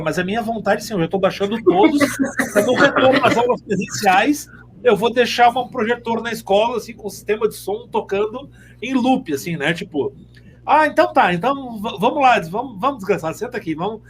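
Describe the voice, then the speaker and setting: A middle-aged school teacher appears as a podcast guest, chatting in a casual, animated way that's emphatic, joking and full of exclamations. His voice is very high, with slight background noise.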